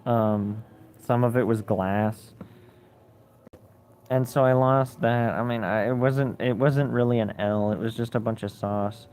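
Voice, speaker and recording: A man's voice: medium pitch, steady tone, measured pace, darkish tone, slight background noise. A young man telling a rambling, profane story in a casual way, full of fillers.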